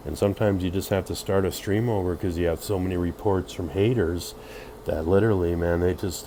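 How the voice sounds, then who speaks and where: A man's voice: low-pitched, mellow, slight background noise. A man in his fifties rambling drunkenly and boastfully in a casual livestream chat. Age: 50s. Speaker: livestream host.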